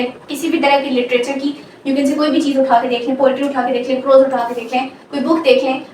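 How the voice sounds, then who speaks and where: A high-pitched woman teaches grammar, stopping often to check she is understood. Her voice comes from well away from the mic, in a very echoey room, with a faint hum behind it. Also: far from the mic. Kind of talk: grammar lecture.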